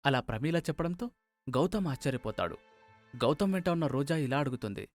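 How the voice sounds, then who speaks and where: A man narrating a cartoon moral story in steady scripted narration. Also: fairly high pitch, brisk, faint music behind.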